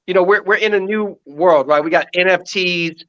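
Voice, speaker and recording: A man's voice: high-pitched, fairly bright tone. Man hosting over lo-fi livestream audio. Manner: chatty, quick follow-up questions. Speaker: show host. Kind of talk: casual livestream interview. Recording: dull lo-fi phone livestream sound.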